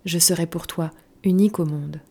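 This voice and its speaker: A woman reading a soft-spoken wise fox. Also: fairly low pitch, steady tone, moderate pace. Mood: tender. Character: wise gentle male fox, patient and wistful. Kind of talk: storybook reading.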